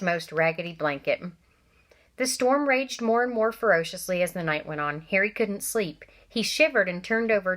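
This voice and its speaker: Reading a novel to a group of children, this teacher uses an expressive, lowish voice. She often stops to make asides to her young listeners.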